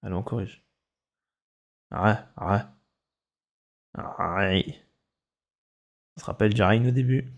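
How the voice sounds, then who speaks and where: A man's voice: lowish voice, slow, pauses often, highs cut off. A male Arabic teacher giving a dictation lesson, patiently repeating each word and breaking it into syllables. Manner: patient, instructive.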